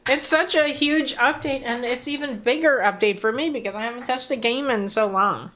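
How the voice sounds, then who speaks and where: A woman's voice: fairly high pitch, normal speed, fairly bright tone. Chatty woman streaming a game. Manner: chatty, greets and thanks viewers. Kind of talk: casual gaming livestream chat.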